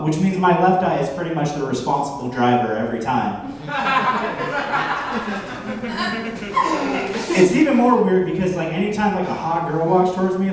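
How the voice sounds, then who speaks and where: A man in his thirties doing a stand-up set on a bar stage, self-deprecating and halting, with lots of fillers. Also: a little high, recorded from a distance. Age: 30s. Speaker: stand-up comedian. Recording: roomy bar, from afar, faint crowd noise.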